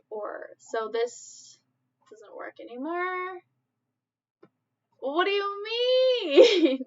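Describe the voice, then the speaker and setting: A woman's voice: on the high side, fairly bright tone, muffled recording. A young woman from Michigan with a Michigan accent, chatting casually on a live stream, rambling and giggling often. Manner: giggly, rambling, easily amused.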